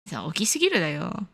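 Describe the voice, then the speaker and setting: A woman's voice: fairly low pitch, vocal fry, fairly bright tone, husky, no room sound, clean studio sound. A young woman from California, chatting casually as a stream host, switching between Japanese and English and laughing often. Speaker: livestream host. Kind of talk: casual chat answering viewers.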